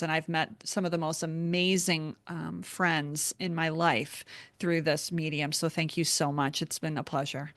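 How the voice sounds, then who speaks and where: A woman's voice: lowish voice, fairly bright tone, dry recording. A woman hosting a podcast interview, chatty, with frequent fillers and light laughter. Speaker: podcast host. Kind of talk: conversational interview and show outro.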